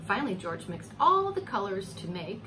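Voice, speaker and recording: Very animated and medium-pitched, a preschool teacher in her forties reads a kids' story at a moderate pace, elongating words and coaxing the young listeners with asides and questions. The whole thing is a home recording with clear noise.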